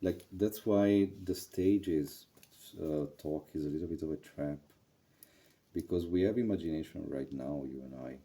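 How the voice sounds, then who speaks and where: Very deep man, dark tone, earnest, explains step by step, casual chat. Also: unhurried. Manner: earnest, walks through ideas step by step. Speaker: partner explaining Kabbalah.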